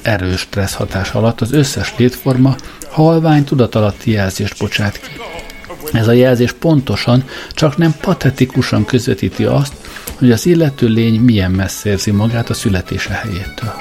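A man narrating an audiobook in a dry, measured storytelling manner. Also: medium pitch, creaky, darkish tone, soft background music.

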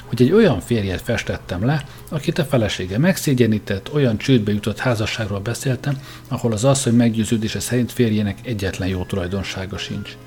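Sex: man. Figure: a man voicing a sharp probing grandmaster. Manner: cutting, questioning. Pitch: fairly low. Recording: faint music. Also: natural voice. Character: shrewd probing male grandmaster, dry and cutting.

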